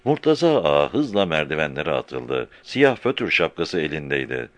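A man reading a novel aloud as a narrator in measured, unhurried storytelling. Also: a bass voice, very animated, no room sound. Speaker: audiobook narrator. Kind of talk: scripted literary narration.

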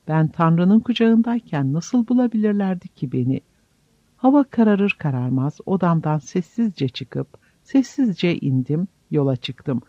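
A man's voice: on the high side, darkish tone, dry recording, muffled recording. A man narrating an audiobook with dramatic storytelling. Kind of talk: audiobook reading.

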